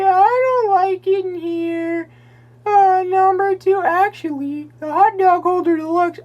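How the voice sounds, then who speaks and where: Someone doing a comic impression of a timid, whiny cartoon boy, with a nasal voice and halting delivery that stretches out words. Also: very high-pitched, a little mellow, muffled recording. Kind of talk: comic impression challenge, short catchphrases.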